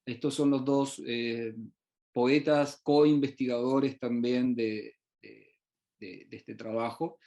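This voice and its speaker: A middle-aged man, born in Uruguay and raised in Chile, gives an online research presentation, halting often with fillers and restarts. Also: mid-range voice, fairly even intonation, mellow. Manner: hesitant, many fillers and restarts. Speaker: researcher presenting his work.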